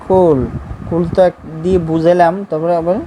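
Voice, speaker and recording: A woman's voice: fairly low pitch, flat delivery, a little fast. A woman with a Bangladeshi accent, teaching a grammar lesson and writing as she explains, who repeats her points patiently and keeps checking that students follow. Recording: faint background noise.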